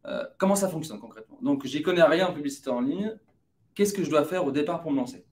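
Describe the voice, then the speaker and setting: A man's voice: a little high, animated, quick pace, a little hiss or hum. A man hosting a live webinar, upbeat and joking as he puts questions to the experts. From France. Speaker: webinar host.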